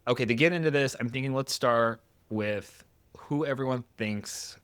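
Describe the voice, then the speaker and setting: Podcast host guy, jokey and rambly, middle pitch, dry close mic. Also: normal speed, a bit bright, clean tone, dry recording. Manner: joking, rambling, trailing off into asides. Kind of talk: casual chat.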